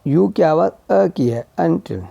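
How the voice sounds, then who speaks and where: A man's voice: high-pitched, lively intonation, extremely slow, gravelly, warm tone, no room sound. A man teaching English vowel sounds, spelling each word letter by letter and repeating it. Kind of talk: slow spelled-out phonetics lesson. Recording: dull lo-fi sound.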